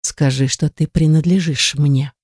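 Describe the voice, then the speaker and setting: A woman voicing a commanding, teasing man in an adult audiobook, slow and self-assured. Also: sits low, dark tone, dry recording, clean studio sound.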